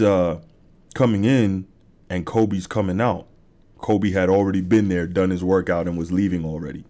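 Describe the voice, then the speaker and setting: Male podcast host, deep and mellow, easygoing storyteller with fillers. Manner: conversational, many fillers and restarts. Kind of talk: casual monologue.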